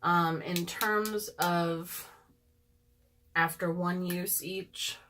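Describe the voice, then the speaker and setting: A woman's voice: on the low side, steady tone, drawn-out words, fairly bright tone, slight background noise. A woman talking casually and candidly to her viewers as she reviews makeup products, with frequent ums and asides. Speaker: beauty vlogger.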